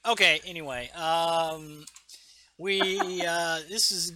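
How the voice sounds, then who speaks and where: A man chatting casually on a podcast, retelling a comic book issue with animated energy. His voice is sharply bright and sits a little high, and he slips into the characters' lines as he goes. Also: takes it slowly. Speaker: podcast co-host.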